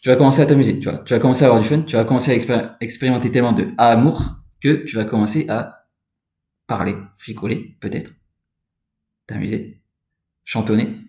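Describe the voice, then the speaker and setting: A medium-pitched man speaks briskly in a mellow voice, with a roomy sound around him. As a spiritual energy instructor, he gives an informal, rambling lesson on energy and chakras, talking straight to the listener.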